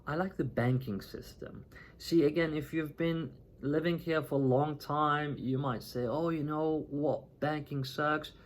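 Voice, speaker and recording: A man's voice: on the high side, fairly even intonation, unhurried, slight background noise. A man from Turkey talking casually to the camera as a vlogger, chatty and often checking in with "right?" and "you know".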